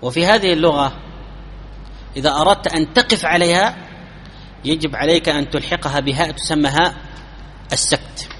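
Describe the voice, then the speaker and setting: A man giving a classical Arabic grammar lesson, explaining step by step, asking his students questions and drawing out each example phrase slowly. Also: fairly high pitch, a bit bright, big-room sound, a little hiss or hum. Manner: slows down and drawls out example phrases.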